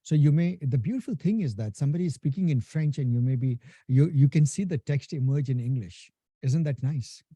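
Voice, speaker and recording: A man with a mid-range, mellow, husky voice talks fairly quickly and expressively, with no echo on the recording. He's an instructor from India and Nepal with a thick Indian accent, giving a casual live technical lecture. He calls the class "guys," often asks "right?", and keeps restarting sentences.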